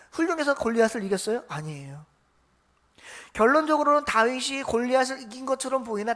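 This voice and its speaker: A woman pastor preaching a Sunday sermon in a church, putting questions to the congregation and answering them herself, and acting out the voices of the people in the story. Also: fairly high pitch. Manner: acts out quoted voices of biblical figures. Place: church sanctuary.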